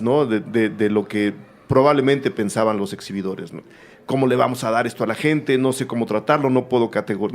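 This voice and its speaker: A man hosts a film interview in a medium-pitched voice. He talks at length and drifts into side remarks before he gets to his questions. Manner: chatty, rambling asides. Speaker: film show host, interviewer. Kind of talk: casual interview conversation.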